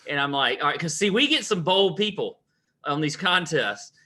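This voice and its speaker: A man co-hosting a casual golf betting podcast, telling stories in an animated way. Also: a little high, moderate pace. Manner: animated storytelling, drawls "y'all". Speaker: podcast co-host.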